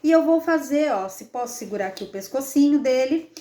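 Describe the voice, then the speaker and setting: A woman's voice: high-pitched, expressive, brisk, dark tone. A woman with a Brazilian Portuguese accent, a child development specialist giving an instructional demonstration. She explains each step and keeps checking in with frequent tag questions. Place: indoor room, playing with a baby. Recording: roomy echo.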